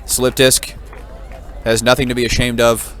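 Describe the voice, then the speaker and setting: A man's voice: medium pitch, monotone, unhurried, fairly bright tone, some chatter behind. A man doing live play-by-play commentary, upbeat and full of praise for the players. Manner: upbeat, praising, wraps up the broadcast.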